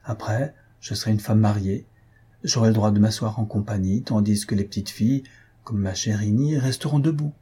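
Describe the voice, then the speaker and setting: A man's voice: lowish voice, moderate pace, mellow, husky. A man voicing a cheerful, coy young woman about to marry, in a playful, bashful way, for an audiobook. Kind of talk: audiobook character voice.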